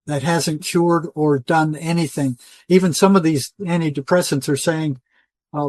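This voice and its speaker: Appearing as an interview guest, a retired psychotherapist in his later years talks insistently and emphatically, repeating phrases for stress in a conversational monologue. His voice is fairly high and a little mellow, with no room sound.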